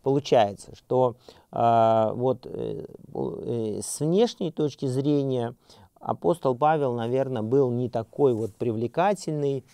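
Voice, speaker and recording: Gravelly-voiced man lecturing hesitantly. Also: medium pitch, mellow, no room sound. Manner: hesitant, many fillers and restarts, slows to read scripture aloud. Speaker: seminary lecturer. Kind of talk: unscripted academic lecture.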